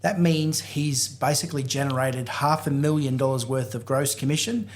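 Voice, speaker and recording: An Australian man with a mid-range voice, speaking at normal speed, hosts a real estate podcast. In this casual interview he introduces his guest with upbeat enthusiasm.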